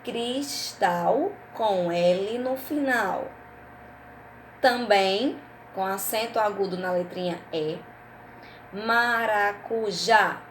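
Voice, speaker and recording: A woman's voice: mid-range voice, echoey room, slight background noise. Woman teacher stressing words for kids. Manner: speaks of herself in third person, stresses each word slowly and loudly. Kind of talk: remote lesson for young children.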